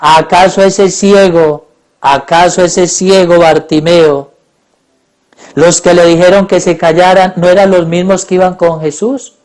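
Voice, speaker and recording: High-voiced fervent male priest preaching. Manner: fervent, repetitive preaching that swells to loud pleading cries. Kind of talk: sermon at Eucharistic adoration. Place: church.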